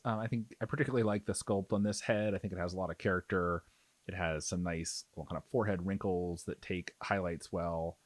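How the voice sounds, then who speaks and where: In a low-pitched voice with no room sound, a man teaches miniature painting in a casual hobby tutorial, explaining things in an easygoing, reassuring way.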